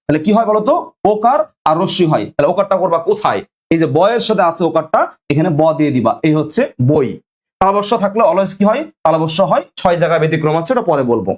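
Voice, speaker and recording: Young male tutor, quick-fire drilling style, high-pitched. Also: animated, darkish tone. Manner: drills students with repeated questions; asks viewers to comment. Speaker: teacher. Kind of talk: online exam-prep lesson.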